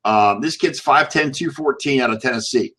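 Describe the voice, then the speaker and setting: A man hosting casual sports talk in a halting way, often repeating words as he goes. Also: mid-range voice, sharp tone. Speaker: sports show host.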